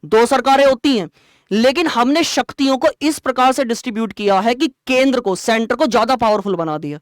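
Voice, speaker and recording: A man's voice: very high voice, dry recording, studio quality. Male teacher quizzing his class. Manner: quizzes students with quick rhetorical questions; explains terms by repeating them plainly. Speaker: exam-prep teacher. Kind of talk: online exam-prep lecture.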